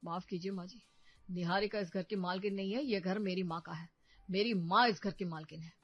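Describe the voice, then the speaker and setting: A woman's voice: lowish voice, brisk, no room sound, muffled recording, soft background music, close to an everyday voice. A woman voicing a young man who firmly and indignantly stands up for his mother. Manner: firm, indignant. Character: young grown son, firm and protective of mother.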